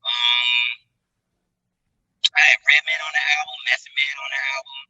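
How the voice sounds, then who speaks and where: A man's voice: mid-range voice, normal speed, dry recording, highs cut off, faint music behind. A man being interviewed about his singing career, telling stories casually with slang and acting out quotes. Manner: animated storyteller using slang, acts out quotes. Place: studio-style phone or video call.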